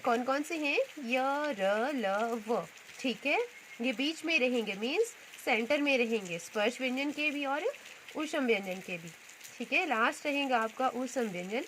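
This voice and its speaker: A woman's voice: sits high, animated, measured pace, a bit bright, a little hiss or hum. A woman teacher patiently explaining a grammar lesson, repeating each point and checking in often. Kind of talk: Hindi grammar lesson with notes.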